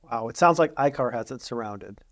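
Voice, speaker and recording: A middle-aged man hosts a podcast interview from a studio set, his voice mid-pitched and dry on a lapel mic. He reacts with upbeat enthusiasm and asks questions in turn. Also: expressive, brisk, no room sound. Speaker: podcast host.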